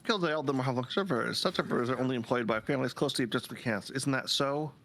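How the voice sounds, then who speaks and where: Bright-voiced man reading game text. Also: medium pitch, fast talker, slight background noise. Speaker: co-streamer.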